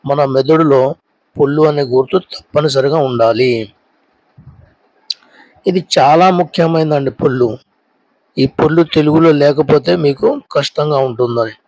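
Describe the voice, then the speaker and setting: A man teaching a spoken language lesson. He explains slowly and repeats each point twice in two languages. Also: a little high, a little mellow, no echo, poor audio. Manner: slow, deliberate drilling of sounds. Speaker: Telugu teacher.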